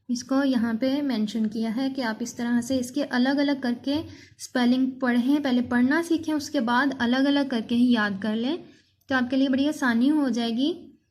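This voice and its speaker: A woman teaching an English vocabulary lesson, drawing out each word slowly before explaining it quickly. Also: high voice, a little mellow. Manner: slow, drawn-out word readings followed by quick explanations.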